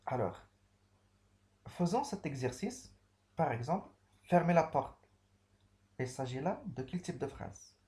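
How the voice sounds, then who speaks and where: A male teacher walks pupils through a grammar lesson, saying each key point twice. His voice is mellow and warm, with a middle pitch. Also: very animated, measured pace, long pauses. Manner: patient, repeats each key phrase.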